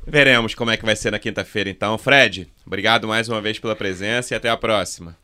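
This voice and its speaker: A man hosting a casual sports podcast, brisk as he steers and thanks his guests. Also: lowish voice, pushed and bright, clear, resonant tone. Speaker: podcast host.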